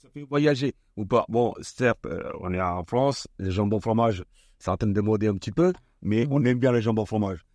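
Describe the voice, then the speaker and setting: A man being interviewed on the radio about an event he organizes, speaking hesitantly with many pauses. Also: lowish voice, a little mellow, dry recording, clean studio sound. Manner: hesitant, many fillers and restarts.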